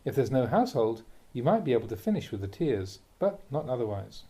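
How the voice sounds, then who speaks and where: Reading a teacher's translated Dharma talk, this Buddhist monk speaks in a mellow, sing-song voice of medium pitch. He is measured and emphatic, tossing in rhetorical questions and the occasional brief aside.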